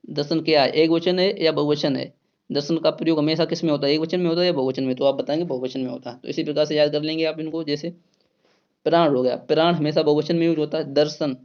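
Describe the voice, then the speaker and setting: A man with a fairly high voice teaches an exam-prep grammar lesson. He repeats key words and asks and answers his own questions. The sound is dull and lo-fi. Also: a little mellow.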